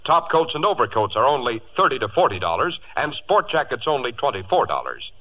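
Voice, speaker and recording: A man's voice: medium pitch, very animated, fairly quick, pushed and bright, muffled recording. A man with an American accent delivering a polished, emphatic 1940s radio commercial as announcer. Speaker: announcer, sponsor pitchman.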